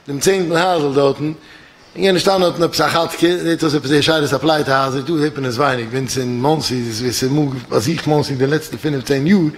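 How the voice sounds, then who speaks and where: A man giving a religious lecture as a yeshiva lecturer, telling a story and acting out its dialogue with lively restarts. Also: a little high, a little fast. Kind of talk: religious lecture told as a parable.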